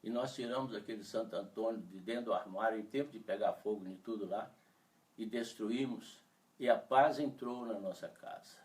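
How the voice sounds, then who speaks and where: A Brazilian pastor with a fairly low voice speaks at a moderate pace, delivering an emotional testimony during a church sermon. He tells the story with feeling and voices the people he quotes, his voice captured from far off the mic.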